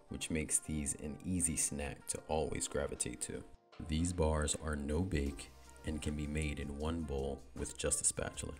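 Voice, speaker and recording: A man's voice: extremely low pitch, darkish tone. A man in his thirties hosting a home cooking vlog, talking to camera in a kitchen with playful, jokey asides. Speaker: cooking channel host. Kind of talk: casual talk to camera, then voice-over.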